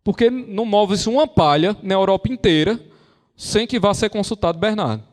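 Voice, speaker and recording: A man's voice: sits high, a little fast, voice pushed up, natural voice. A man voicing an indignant older male church cardinal who rants in mocking disbelief. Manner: incredulous, mocking rant. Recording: long hall reverb.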